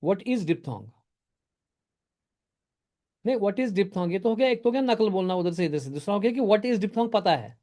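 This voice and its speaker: A male teacher lectures a live class step by step, often checking that students follow, praising their answers, calling on them by name, and responding to their typed questions. His voice is high and mellow, and he speaks briskly with hardly any pauses.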